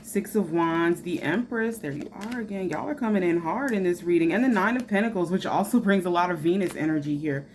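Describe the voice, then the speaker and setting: A woman's voice: lowish voice, fairly quick, hardly any pauses, darkish tone, slight background noise. Chatty woman giving a tarot reading. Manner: chatty, frank, filler-heavy. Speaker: tarot reader.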